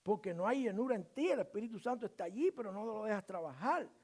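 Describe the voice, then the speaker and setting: A male pastor preaches with a high-pitched voice, lively intonation, and a quick pace, firing off rhetorical questions. He swings between loud emphasis and quiet asides, occasionally acting out brief voices of church members.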